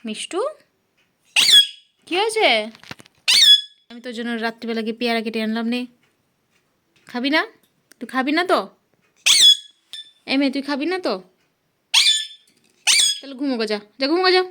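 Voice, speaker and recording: High-pitched woman sweet-talking her pet bird at night, loud noisy background. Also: lively intonation, moderate pace, long pauses. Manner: coaxing, scolding affectionately. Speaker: pet parrot owner. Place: home at night.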